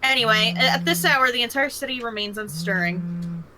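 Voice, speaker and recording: A woman streaming a horror game, reading its narration aloud in an expressive way. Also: on the high side, normal speed, noisy background.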